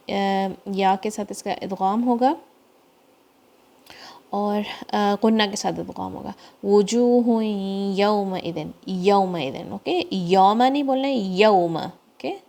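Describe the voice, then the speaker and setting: A woman teaching Quran recitation, explaining pronunciation rules in with English words mixed in and slowly repeating each word to demonstrate. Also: medium pitch, vocal fry, mellow. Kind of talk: tajweed lesson, explaining then reciting slowly.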